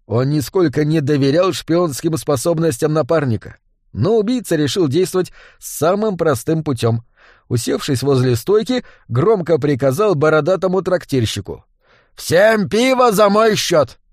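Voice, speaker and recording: A man narrating an audiobook in an expressive storytelling manner. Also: on the high side, normal speed, no echo, clean studio sound. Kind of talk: scripted narration.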